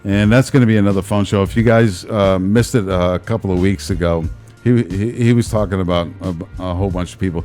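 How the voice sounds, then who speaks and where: A man's voice: low-pitched, steady tone, a little fast, darkish tone, soft background music. A man with a Brooklyn accent hosting a talk show in a casual, rambling way, often repeating his phrases. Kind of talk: casual live show chat.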